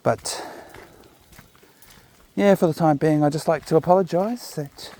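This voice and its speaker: A New Zealand man speaks in a fairly high, mellow voice at a slightly slow pace. He's out on park trails walking his dog, chatting casually to viewers via a chest-mounted camera, and his rambling monologue stays laid-back and chatty with jokey asides.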